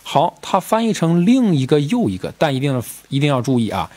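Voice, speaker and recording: A man's voice: on the high side, sing-song, brisk, a little mellow. A man teaching English vocabulary in a recorded video lesson, explaining patiently and checking in with his students through rhetorical questions.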